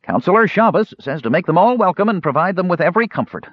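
Casting: man putting on a fussy scolding innkeeper, raised voice, husky. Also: high-pitched, expressive, no room sound, dull audio, voice pushed up. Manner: brisk, scolding. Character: bossy fussy male innkeeper.

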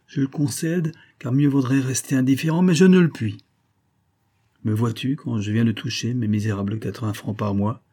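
A man's voice: mid-range voice, mellow, close to an everyday voice. A man reading an audiobook, voicing a bitter, obsessive middle-aged man who argues insistently that he is wronged. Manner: agitated, reasoning aloud, insistent.

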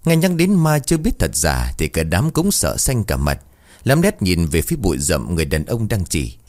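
A man narrating a ghost story in a dramatic, expressive way. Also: sits low, moderate pace.

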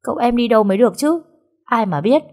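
A woman voicing a frantic, dramatic young maid who wails high and fast. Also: animated, a little mellow. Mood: exasperated.

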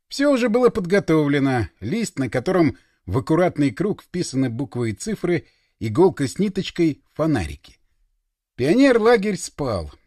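A man reads a story aloud with a bright, fairly high voice that rises and falls freely. The sound is dry and close, with no room around it. His delivery is lively and well paced. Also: no echo. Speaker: audiobook narrator. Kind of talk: scripted narration.

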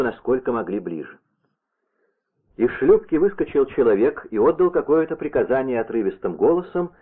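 A man reading a historical adventure novel aloud in a measured way, with a husky voice. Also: on the low side. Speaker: audiobook reader. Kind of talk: scripted literary narration. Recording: tinny narrow-band old radio recording.

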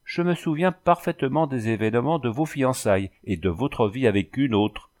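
A man's voice: medium pitch, animated, moderate pace, a little mellow, close to an everyday voice. A man voicing a trembling, distraught young woman. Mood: pleading.

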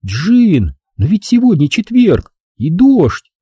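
A man reading an audiobook voices a nervous young woman, raising his voice high and making it pleading. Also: wildly swooping pitch, slow, warm tone, slightly rough, no room sound, muffled recording, full character voice. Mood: doubtful.

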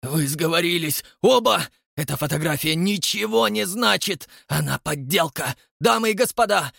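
A man voicing a furious, hoarse older male aristocrat who roars his outrage. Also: high-pitched, animated, slow, no echo, clean studio sound, voice pushed up, heavily acted. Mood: outraged. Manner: roaring, outraged.

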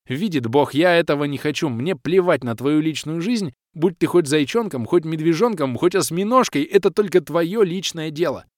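A man's voice: a little high, expressive, normal speed, hardly any pauses, dry recording, studio quality, pitched above the performer's own voice, natural voice. A man voicing a cocky young male rogue who bargains in a brash, mocking, pushy way, in an audiobook reading.

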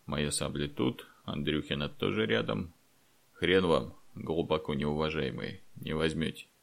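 Audiobook: battle-worn veteran played by a male narrator, deep and gravelly, sardonic and tough. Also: measured pace, full character voice. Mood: gruff. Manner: gruff, mocking. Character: gruff veteran soldier man, sardonic and tough.

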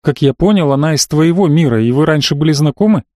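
A man's voice: fairly high pitch, expressive, fast talker, dark tone, dry recording, clean studio sound, close to an everyday voice. A man reading the part of a worried young male companion in an audiobook, with a grumbling tone. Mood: curious. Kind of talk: audiobook narration.

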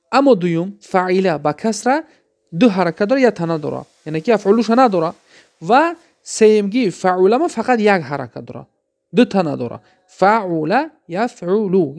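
A male teacher with a gravelly, slightly high voice explains grammar patterns one by one. He poses questions to his listeners and then answers them himself in a patient lesson style.

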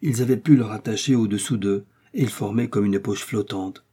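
A man reading a classic adventure novel aloud as scripted audiobook narration, in a steady, measured way. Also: on the low side, slightly rough. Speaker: audiobook reader.

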